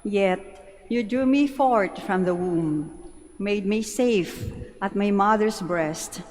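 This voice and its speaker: A woman lector reciting scripture solemnly and deliberately in a large, reverberant church. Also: mid-range voice, a little mellow. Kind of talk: liturgical psalm recitation. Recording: long church reverb, faint noise.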